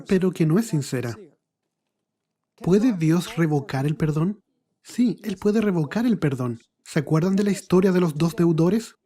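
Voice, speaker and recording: Mellow-voiced man preaching a sermon. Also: fairly high pitch. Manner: asks the congregation rhetorical questions and answers them. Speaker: pastor.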